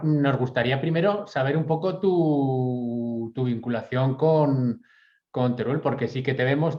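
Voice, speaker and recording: A man's voice: mid-range voice, dull audio. A man interviewing a guest for a local news outlet, asking questions with hesitations and restarts. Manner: hesitant, many fillers and restarts.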